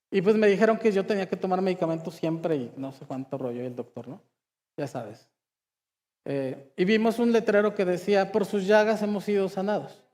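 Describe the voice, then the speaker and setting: A man preaching a lively, humorous sermon, calling on the congregation to answer and repeat after him. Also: high voice, big-room sound. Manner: call-and-response, asks the crowd to repeat; humorous storytelling with asides. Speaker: pastor. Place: church hall.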